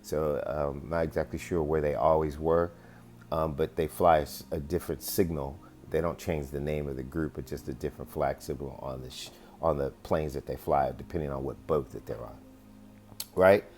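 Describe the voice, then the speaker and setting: A man's voice: extremely low pitch, fairly even intonation, normal speed, a little mellow. A man casually presenting his investigation to viewers, rambling with many fillers and often asking "right?". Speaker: amateur investigator presenting findings. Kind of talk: casual screen-share presentation.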